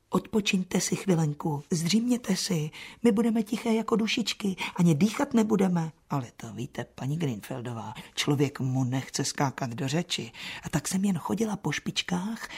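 A woman playing Marta, a gravelly old spinster. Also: fairly low pitch, exaggerated voice. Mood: fussy. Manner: dry, chatty complaining with soft asides. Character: Marta, a put-upon old spinster housekeeper, dry and grumbling.

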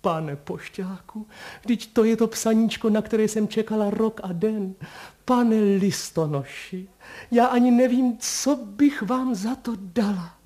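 A man voicing a pale, lovesick young woman who speaks softly in a half-whisper. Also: medium pitch, sing-song, breathy edge. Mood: overjoyed. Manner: soft, half-whispered sighing speech.

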